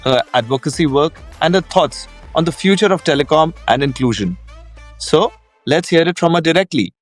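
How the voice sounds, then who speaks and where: A man hosting a podcast, reading a formal scripted introduction and then asking his guest questions in a measured, welcoming way. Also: a little high. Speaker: podcast host.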